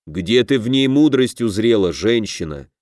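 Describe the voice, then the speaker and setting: A pompous half-orc pirate who would be king, lordly and self-important, his voice pushed low and heavy, as a male reader puts him on. He speaks from a close, dry mic. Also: animated, moderate pace, a little mellow, no room sound, lightly acted. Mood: haughty.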